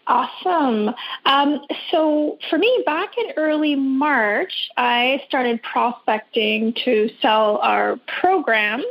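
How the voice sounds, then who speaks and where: A woman's voice: sits high, slow pace, vocal fry, fairly bright tone, breathy edge. A woman from Canada calling into a radio show over a phone line, asking an earnest, rambling question. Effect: caller heard over a phone line into a radio show. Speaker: caller. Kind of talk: call-in question to a radio host.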